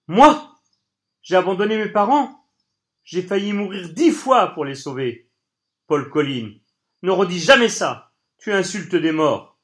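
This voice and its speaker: A man reading an audiobook, voicing a young boy hero who bursts out loudly in anguish. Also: mid-range voice, big pitch swings, normal speed, lightly acted. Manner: loud, anguished outbursts.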